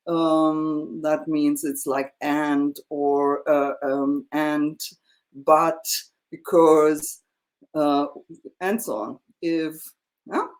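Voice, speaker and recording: A woman teaching a one-on-one language lesson, explaining slowly with many fillers and checking in with "yeah?". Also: deep voice, darkish tone. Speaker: German teacher.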